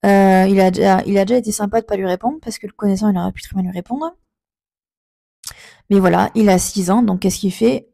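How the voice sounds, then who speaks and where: A woman's voice: medium pitch, steady tone, a little fast, gravelly, warm tone. A woman in a casual storytime vlog, retelling a confrontation as an indignant, emphatic mother who repeats her points.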